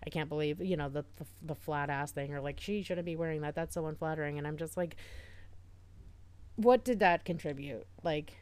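A podcast co-host with a low, fairly quick and slightly mellow voice chats casually, speaking earnestly and reassuringly with lots of "like" fillers. The recording is dry.

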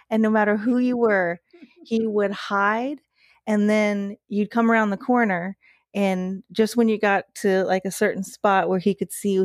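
A woman's voice: mid-range voice, no echo, clean studio sound. Blunt, laughing woman zookeeper. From Florida. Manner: blunt and profane, with halting restarts and frequent laughter. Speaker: former zookeeper guest. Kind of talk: casual chat.

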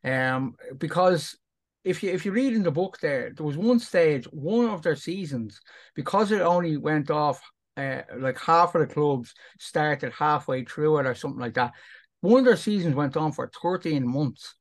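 A man's voice: fairly high pitch, lively intonation, moderate pace. A man co-hosting a casual podcast, chatty and teasing, sometimes restarting his sentences. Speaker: podcast co-host.

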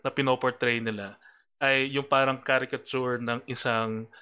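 A man's voice: medium pitch, flat delivery, sharp tone, smooth. A man with a Filipino accent co-hosting a casual podcast, explaining emphatically and mixing Tagalog and English. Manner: emphatic, quick to object, mixes Tagalog and English. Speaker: podcast co-host.

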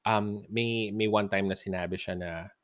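A man's voice: on the low side, fairly even intonation, a little slow, fairly bright tone, clean tone, no echo, studio quality. A man hosting a podcast, casually telling funny stories, laughing often and mixing English into his talk. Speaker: podcast host. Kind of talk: casual storytelling.

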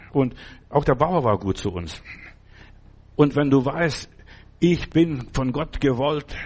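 A man's voice: medium pitch, breathy edge. A man giving an informal sermon in a conversational way, often repeating himself and restarting his phrases. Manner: conversational, repetitive, many restarts and asides. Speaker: preacher.

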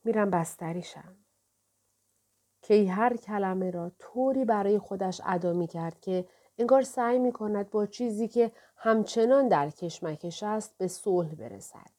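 Female audiobook reader; gentle, steady delivery, mellow voice. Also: medium pitch. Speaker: audiobook narrator. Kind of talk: scripted narration.

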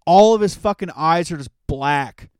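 A man's voice: fairly high pitch, moderate pace, clear, resonant tone, no echo, studio quality. A young man co-hosting a podcast, telling stories in loose, profane casual chat and laughing often. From Canada. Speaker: podcast co-host.

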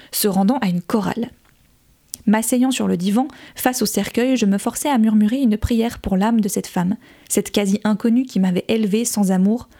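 A woman narrating a novel aloud in a measured, soft-spoken way. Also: on the high side. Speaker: audiobook reader.

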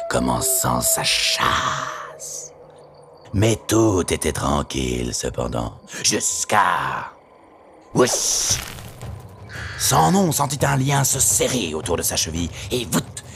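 Male narrator for a spooky tale, very deep voice, suspenseful delivery, music under. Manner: suspenseful, theatrical. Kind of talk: dramatic storytelling narration.

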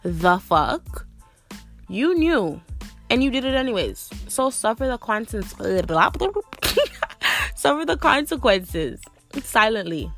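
A young woman with a mid-range, slightly bright voice hosts a podcast, delivering a blunt, profane rant and saying "like" constantly.

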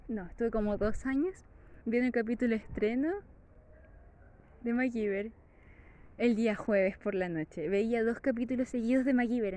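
A woman with a Chilean accent casually telling a story to camera, laughing often in a lively, chatty way. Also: on the high side. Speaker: vlogger.

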